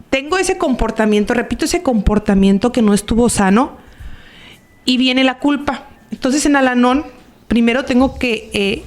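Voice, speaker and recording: A woman speaking on the radio as an Al-Anon member. She talks in a reflective, confiding way and keeps checking in with her listeners. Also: mid-range voice. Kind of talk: personal testimony on a radio talk show.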